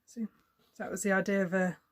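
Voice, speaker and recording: A woman's voice: mid-range voice, steady tone, brisk. A woman chatting casually while she stitches, rambling and thinking aloud with plenty of fillers and restarts. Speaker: cross-stitch vlogger.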